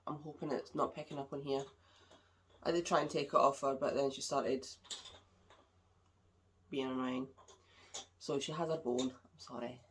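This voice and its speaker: A woman's voice: extremely low pitch, fairly even intonation, moderate pace, long pauses, a little hiss or hum. A woman hosting a craft podcast, chatting casually and rambling a little, with a stuffed-up, slightly nasal voice from a cold. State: congested, a bit nasal. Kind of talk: casual chat about crafts. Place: at home.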